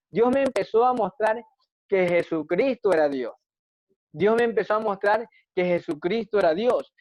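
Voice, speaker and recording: Earnest high-voiced preacher, dry and dull. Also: male voice, no echo. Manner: earnest, repetitive, rhetorical questions. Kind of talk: testimony sermon.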